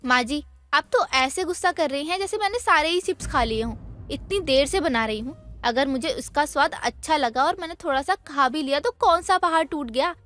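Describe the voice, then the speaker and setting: Playing a young daughter-in-law in a dramatized moral story, a woman sounds dutiful yet defensive and indignant, explaining herself earnestly. Her high-pitched voice is a bit bright and fairly quick, with faint music behind it.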